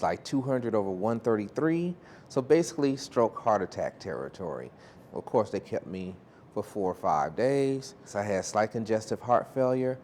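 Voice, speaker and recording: A man giving blunt, profane interview answers in an animated way. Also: on the low side, slight background noise.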